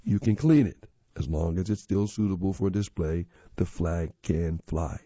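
Man, low voice, husky, steady reader, dry sound, lo-fi recording. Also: no room sound. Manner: steady, measured reading. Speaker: magazine reader. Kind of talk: reading stories and articles aloud. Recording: dull lo-fi recording.

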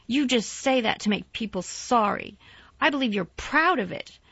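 A woman's voice: on the high side, animated, moderate pace, a bit bright, slightly rough, no room sound, pitched above the performer's own voice, exaggerated voice. A woman voicing an obstinate, sour little girl in a storybook reading, speaking sharply and stubbornly. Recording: dull, dry, lo-fi sound.

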